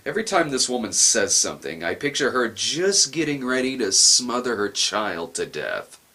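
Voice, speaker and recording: A man giving crude, sarcastic comedic commentary on a film, mocking it in a deadpan way. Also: mid-range voice, normal speed. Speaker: film reviewer.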